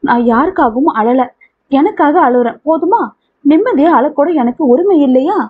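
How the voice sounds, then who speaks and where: A woman's voice: high voice, animated, normal speed, a little hiss or hum. A woman reading the part of a proud, hurt young woman who speaks defiantly and indignantly. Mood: sulking. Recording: tinny phone-like audio.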